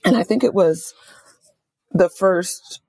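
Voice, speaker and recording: Taking it slowly, a middle-aged woman from Oakland, California speaks in a slightly rough voice on the low side, recorded without echo. An author and music journalist, she tells stories in a conversational interview with animated enthusiasm and quoted asides.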